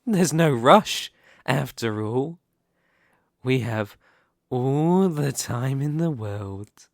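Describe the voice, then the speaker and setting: A male actor voices a seductive male demon king in an intimate ASMR roleplay. He takes his time over each phrase, patient and possessive, with smug condescension. His mid-pitched voice sits close to the microphone in a very dry space. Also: lively intonation, creaky, no echo, exaggerated voice. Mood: calm, possessive. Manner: slow, deliberate, teasing, condescending. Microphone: close studio microphone, dry.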